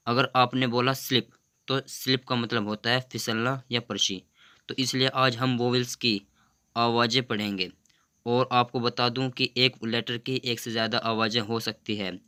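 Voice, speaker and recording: Slow, careful male language teacher. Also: mid-range voice, pushed and bright. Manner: slow, careful, reads out word lists one by one. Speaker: English pronunciation teacher. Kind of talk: slow explanatory lesson.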